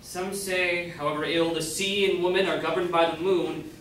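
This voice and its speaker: A student in his young adult years plays an ardent, brooding verse lover in an amateur staged reading, his delivery only lightly acted. His fairly high voice is fairly bright, with fairly even intonation and a moderate pace. The college room sounds very echoey, and he's far off with faint noise.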